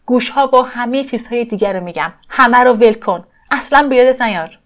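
A woman's voice: a little high, close to an everyday voice. Woman voicing a pained, memory-haunted energy being. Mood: agitated. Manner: pleading, agitated.

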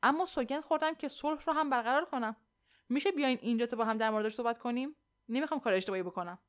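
A woman's voice: a little high, clear, resonant tone, close to an everyday voice. A woman reading an audiobook, voicing a nervous young male soldier who evades and pleads with his commanding officer. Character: anxious young male soldier defusing bombs. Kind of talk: audiobook character voice.

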